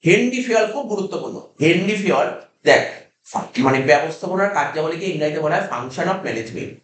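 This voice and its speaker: A man with a Kolkata Bengali accent teaches a class, his voice pitched high for a man. He keeps repeating key terms and firing questions back at the students. The room around him is echoey. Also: lively intonation, fairly quick, a little hiss or hum. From India. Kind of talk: classroom lecture.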